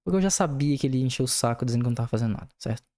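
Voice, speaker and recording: A man's voice: mid-range voice, animated, racing, warm tone. A young man hosting a casual podcast, venting angrily about his job and swearing often. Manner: angry venting, heavy swearing. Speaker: podcast host.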